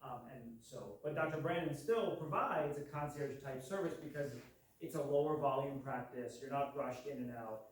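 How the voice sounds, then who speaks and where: A man's voice: medium pitch, normal speed. A man moderating a clinic presentation, explaining services in a friendly, promotional way. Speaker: practice representative and moderator. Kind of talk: informational presentation. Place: large echoey room. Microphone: distant from the mic. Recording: echoey room from far off, faint ambience.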